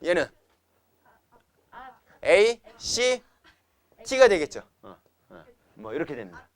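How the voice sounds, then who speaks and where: A man's voice: fairly high pitch, huge pitch swings, slow. A young man teaching science to a class, constantly checking understanding with quiz questions and chanting memory tricks. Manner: keeps quizzing students with repeated questions. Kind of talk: classroom lecture.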